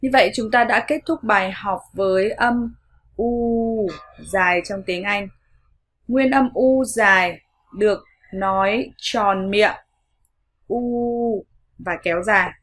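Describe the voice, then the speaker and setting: A Vietnamese-speaking woman teaching English pronunciation in an online lesson, modeling each sound slowly and repeating words for learners. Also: medium pitch, fairly bright tone. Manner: slow, clear modeling of sounds with repetitions.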